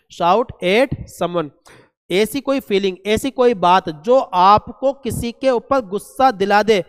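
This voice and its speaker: A man teaching a classroom vocabulary lesson, asking questions and answering them himself, spelling words letter by letter and reading English examples very slowly. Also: high voice, smooth, big-room sound. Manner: asks and answers his own questions, calls students "beta".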